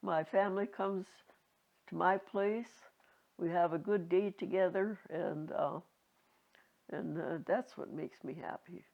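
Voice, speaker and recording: A very old woman in her nineties reminiscing casually, halting and rambling, with a creaky aged voice. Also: lowish voice, steady tone. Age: 90s. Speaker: interviewee. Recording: dull lo-fi home recording.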